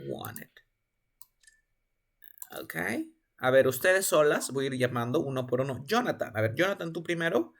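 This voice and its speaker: A man teaching English pronunciation in an online class, patiently calling on students and repeating each word slowly. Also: medium pitch, animated, fairly bright tone. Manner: patient, drills words by repeating them.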